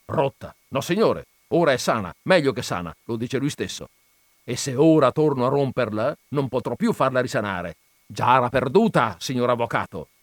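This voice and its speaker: An irascible old landowner bellows and protests in a high, strained voice, as a man reads him. The voice swings up and down with indignation. The sound is close and dry. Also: expressive, moderate pace, no echo, natural voice. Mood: indignant. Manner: loud, indignant, high-pitched outbursts. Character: irascible rich old male landowner, shouting.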